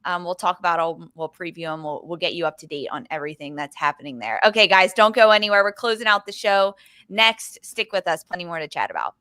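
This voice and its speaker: A woman's voice: on the low side, fast, pushed and bright, smooth, dry recording. A woman hosting a sports podcast, upbeat and leading each segment over a video call. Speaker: host.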